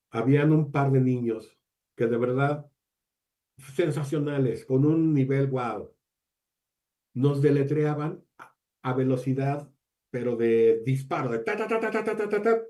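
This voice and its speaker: A man presenting an online training talk for teachers, measured and addressing the audience directly with questions. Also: mid-range voice, dark tone. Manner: measured, uses deliberate pauses, asks the audience questions.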